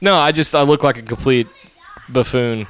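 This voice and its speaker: A man's voice: medium pitch, normal speed, a bit bright, a little hiss or hum. A man in his thirties, co-hosting a podcast in casual chat, who jokes, teases and swears freely. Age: 30s. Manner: joking, swears freely, playful teasing. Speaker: podcast co-host.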